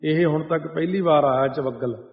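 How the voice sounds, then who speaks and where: A man giving a Sikh religious discourse. He sings lines of scripture slowly, then explains them in plain talk. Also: a little high, vocal fry. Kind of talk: sermon, chanting verses then explaining. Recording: echoey hall over a tinny line.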